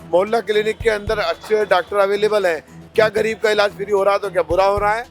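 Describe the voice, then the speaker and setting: A man with a rather high voice defends his party in an interview. He argues steadily and leans on rhetorical questions. Faint music plays underneath. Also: steady tone, fast talker. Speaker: politician, candidate. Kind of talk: interview answers.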